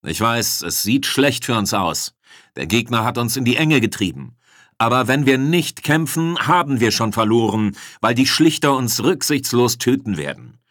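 A man voicing a desperate male rebel commander who shouts urgent commands to rally his troops in an audiobook. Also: mid-range voice, expressive, normal speed, dry recording, clean studio sound, voice pushed up. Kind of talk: audiobook character voice.

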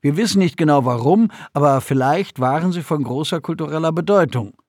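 A man reading aloud, voicing a patient father who explains things calmly to his son. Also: fairly high pitch, brisk, no echo, clean studio sound, voice pushed up, close to an everyday voice. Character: patient, gently amused father.

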